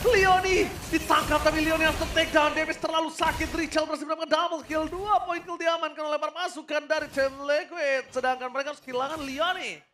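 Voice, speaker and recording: High-pitched, urgent male fighting game announcer. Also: level tone, fast, few pauses, pushed and bright, echoey room, slight background noise. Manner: emphatic, urgent calls of kills and moves. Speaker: esports play-by-play caster.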